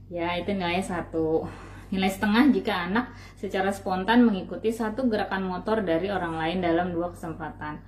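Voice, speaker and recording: A woman's voice: on the low side, brisk, a little hiss or hum. A woman from Indonesia hosts a parenting channel, explaining child development tests in a chatty, loose way and often acting out examples. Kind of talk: casual instructional talk.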